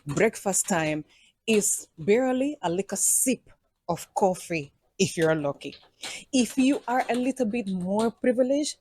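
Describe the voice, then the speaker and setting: Husky woman with a Jamaican Patois lilt. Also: medium pitch, a little mellow. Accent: Jamaican Patois-tinged. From Cuba. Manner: emphatic, repeats points for effect. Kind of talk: casual storytelling monologue.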